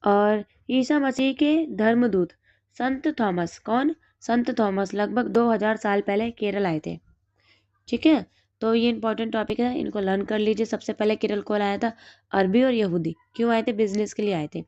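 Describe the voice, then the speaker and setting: A woman with a hoarse throat, teaching exam notes and asking and then answering her own quick questions. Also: medium pitch, a little mellow, no echo, dull audio. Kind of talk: reading through study notes.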